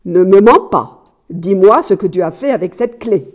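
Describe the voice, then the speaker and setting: A woman reading aloud puts on a cruel nobleman husband who growls and barks his questions. The voice stays mellow and warm underneath, loud and pressing in its threats, as in a storybook reading. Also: high-pitched, animated, measured pace, full character voice. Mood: furious. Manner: growling, barking demands.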